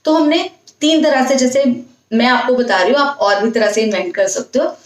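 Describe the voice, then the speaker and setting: A woman's voice: fairly high pitch, normal speed. A woman teaching a casual spoken-English lesson, explaining patiently and repeating herself. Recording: echoey room, mic set far off.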